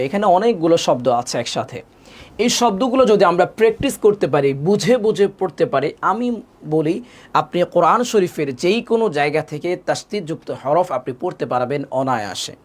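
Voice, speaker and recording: Patient man teaching with lively pitch. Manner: patient, repeats each rule with call-and-response questions; slows to spell out letters and vowel marks. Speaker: Quran teacher. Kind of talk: live online tajweed class.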